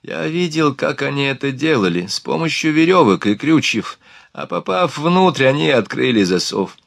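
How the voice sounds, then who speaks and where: A man's voice: medium pitch, animated, moderate pace, creaky, no room sound, studio quality. A man voicing an alarmed male servant, urgent and tense, in an audiobook reading.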